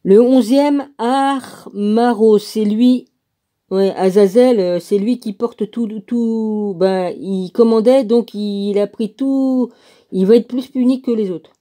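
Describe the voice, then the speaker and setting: A woman reads a religious text aloud at a slow, casual pace, spelling out names letter by letter and adding her own comments. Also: a little high, mellow. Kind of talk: casual reading aloud with asides.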